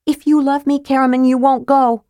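A fiery young red-haired woman, quick to anger and close to tears, her voice climbing high and sharp as she accuses, read by a woman narrator. Her pleas ring clearly in a close, dry recording with no room sound. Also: little pitch movement, dry recording, natural voice. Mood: angry. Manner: pleading, accusing, raised voice.

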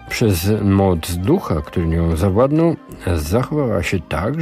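A man voicing a scheming older male sorcerer who lectures in a slow, measured way. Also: lowish voice, mellow. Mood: gloating.

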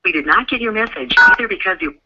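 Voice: mid-range voice, animated. Automated voicemail prompt over a muffled, noisy phone line. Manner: measured, evenly spaced digits. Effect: automated voicemail system prompt over the phone. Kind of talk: recorded system announcement.

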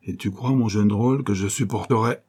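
A man's voice: on the low side, fairly quick, darkish tone, natural voice. A man reading a novel aloud, voicing an older law clerk who speaks in an indignant, shaken way. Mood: furious. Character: old man, meek law clerk turned furious.

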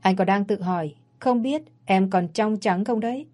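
A woman's voice: mid-range voice, moderate pace, dark tone, faint music behind, lightly acted. A woman voicing a cold, cocky rich man in glasses, mocking and domineering, in a read-aloud story.

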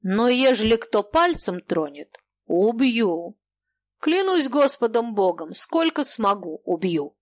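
Woman voicing a defiant young merchant, slow and accusing, storybook. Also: on the high side, big pitch swings, no room sound, full character voice. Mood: defiant threat. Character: furious proud young male merchant.

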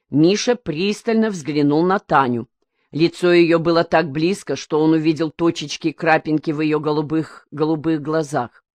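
A woman audiobook reader narrating a novel in an even, measured storytelling manner. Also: deep voice, dry recording, clean studio sound.

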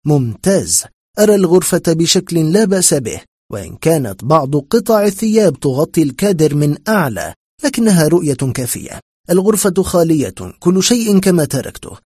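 A man's voice: a little high, very animated, brisk, darkish tone, slightly rough, dry recording, clean studio sound. A man narrating a horror story in scripted form, with a tense, dramatic telling.

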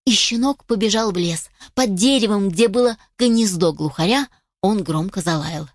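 A woman's voice: mid-range voice, normal speed, no room sound, studio quality. Woman reading a children's story.

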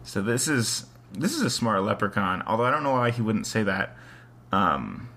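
A man with a low but bright voice reads a story aloud and chats about it casually. His pitch moves a lot, rising and dipping as he wanders off and questions himself before getting back on track. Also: sing-song, moderate pace. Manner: rambling, self-questioning. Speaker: co-host reading a story aloud. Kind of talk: casual chat.

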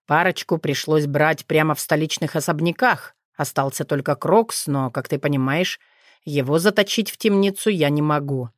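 A woman voicing a calm, confident male dragon shifter who speaks steadily with a dry, slightly mocking manner. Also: sits low, moderate pace, no echo, close to an everyday voice. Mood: assured.

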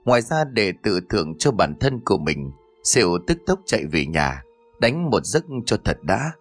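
A man narrates a horror audio story in a steady, even storytelling voice. His voice sits low. Faint background music plays under the reading. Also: moderate pace.

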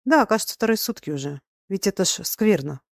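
A woman's voice: medium pitch, animated, a little fast, creaky, dry recording, clean studio sound. A woman reading the lines of a good-humored male country doctor in a matter-of-fact, joking way.

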